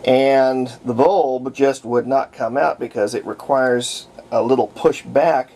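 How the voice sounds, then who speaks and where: Speaking slowly and steadily, this man has a mid-range, darkish voice. He narrates his own work at an indoor bench, a hobbyist radio restorer showing a hands-on repair in a relaxed, folksy, off-the-cuff style.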